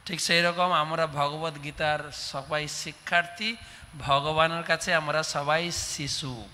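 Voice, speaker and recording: A man with a Bengali accent delivers a sermon in a very bright, forceful, fairly high voice. He speaks slowly and animatedly, often asking his listeners questions. The sound rings with long hall reverb over a faint hum. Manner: animated, asks the audience questions. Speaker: preacher.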